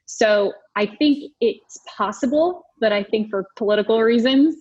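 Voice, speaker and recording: Husky woman on lo-fi remote audio. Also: on the high side, measured pace, darkish tone. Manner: clear, organized explanations. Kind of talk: sports talk.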